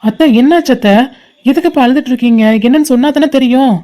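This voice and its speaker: A woman's voice: high voice, quick pace, dark tone, close to an everyday voice. A woman voicing a polite young adult son in a cartoon, concerned and respectful. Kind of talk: cartoon voice acting.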